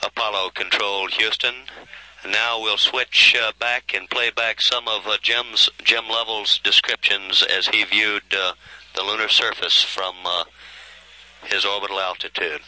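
A man giving live spaceflight commentary as a mission control announcer, halting with very frequent pauses and uhs. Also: fairly low pitch, steady tone, bright, forceful tone, rough recording.

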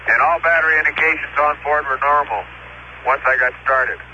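A male astronaut gives a halting technical report to ground control with many "uh" pauses, heard over a crackling space radio transmission. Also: on the high side, fairly even intonation, sharp tone. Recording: muffled archive radio link with faint static.

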